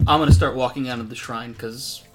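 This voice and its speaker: A man's voice: mid-range voice, steady tone, a little fast, faint music behind. A man playing a tabletop game, curious and rambling, often trailing off. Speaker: player. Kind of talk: casual tabletop play.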